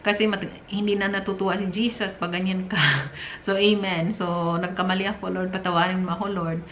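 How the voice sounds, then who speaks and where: A woman's voice: medium pitch, fairly even intonation, fairly quick, fairly bright tone. A middle-aged woman from the Philippines giving casual relationship advice in a chatty, preachy manner, with frequent fillers and little laughs. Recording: roomy room with faint noise.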